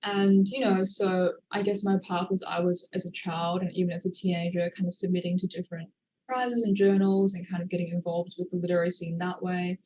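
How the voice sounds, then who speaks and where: An Australian woman, an author appearing as a guest, answers interview questions thoughtfully, hedging often and using many fillers. Her voice is lowish, mellow and brisk with fairly even intonation, and the recording quality is poor.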